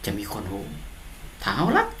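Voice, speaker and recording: A man's voice: fairly bright tone, a little hiss or hum. A man with a Lao accent teaching a class, translating an English storybook line by line with patient explanations. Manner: explains slowly, reads English lines aloud and repeats words.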